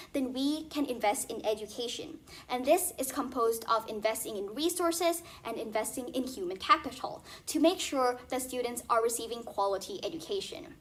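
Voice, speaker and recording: A young woman competing in a speech contest, delivering a formal, rehearsed speech in a stiff, memorized way with deliberate emphasis. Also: sits high. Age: young adult.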